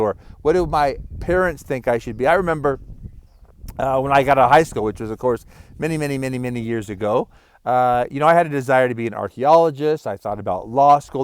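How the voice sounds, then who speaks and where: A middle-aged man, a vlogger and life coach, telling a funny story and giving life advice outdoors by a pond in a chatty, upbeat way. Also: medium pitch. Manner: upbeat, chatty, chuckles often.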